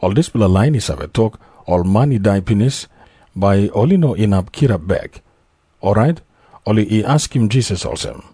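A man's voice: on the low side, expressive, normal speed, warm tone, slightly rough, no echo, clean studio sound. A man with a Papua New Guinean accent narrating scripture from a script.

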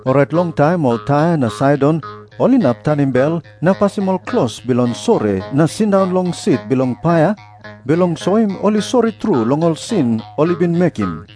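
A man with a Papua New Guinean accent playing an earnest prophet who preaches deliberately in a dramatised scripture reading. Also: fairly high pitch, expressive, mellow, soft background music, close to an everyday voice. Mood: stern warning. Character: Jesus, earnest preaching prophet addressing crowds.

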